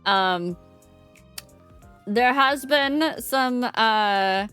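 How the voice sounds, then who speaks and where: A woman's voice: fairly high pitch, drawn-out words, pushed and bright, smooth, soft background music. A woman livestreamer chatting casually with viewers in a cute, bubbly, playful anime-streamer manner.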